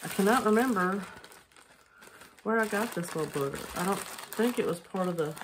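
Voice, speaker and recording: A woman's voice: mid-range voice, expressive, moderate pace, background noise. A middle-aged woman chatting casually at home on a camera mic, rambling with lots of filler ums as she shows items she has sold. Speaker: online reseller vlogger.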